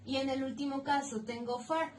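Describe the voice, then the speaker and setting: A Mexican woman teaching English grammar in Spanish, explaining each rule slowly and clearly, step by step, in a recorded lesson. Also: sits high, fairly even intonation, slight background noise. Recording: echoey room, mic at a distance.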